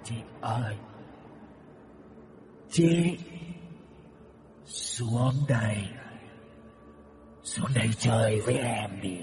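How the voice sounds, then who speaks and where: A man voicing an eerie drowned newborn ghost child who slowly coaxes someone down into a well. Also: medium pitch, lively intonation, noisy background. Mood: eerie coaxing. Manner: slow, beckoning, sing-song.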